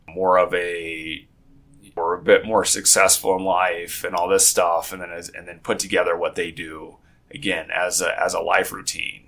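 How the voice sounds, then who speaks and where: A man's voice: low-pitched, sharp tone. A man with a groggy morning voice hosting a casual podcast chat, rambling and often restarting his sentences. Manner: rambling, with frequent restarts and self-corrections. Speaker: podcast host.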